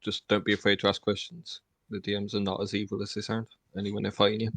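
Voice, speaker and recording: A laid-back man chatting on a podcast about playing tabletop games. His low voice stays flat and even, with fillers throughout, recorded dry and close. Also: quick pace, vocal fry, no echo. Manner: laid-back, laughs often, frequent fillers. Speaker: podcast guest and player. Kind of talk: casual podcast chat.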